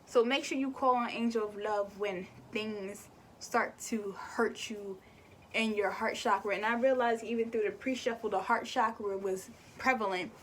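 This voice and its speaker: A woman's voice: a little high, normal speed, slight background noise. A young woman giving a casual spiritual card reading, chatty, repeating words and swearing offhandedly. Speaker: tarot and oracle card reader.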